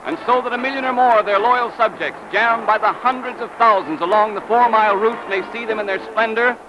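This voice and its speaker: A man's voice: sits high, a little fast, highs cut off. A man narrating an old newsreel in a grand, declamatory manner. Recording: old newsreel soundtrack with loud music.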